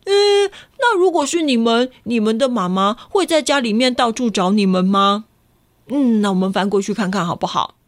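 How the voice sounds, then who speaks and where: Woman, children's storyteller, high voice, playful questions, dry close sound. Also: normal speed, no room sound. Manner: animated, playful, asking kids questions. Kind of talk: picture-book read-aloud lesson.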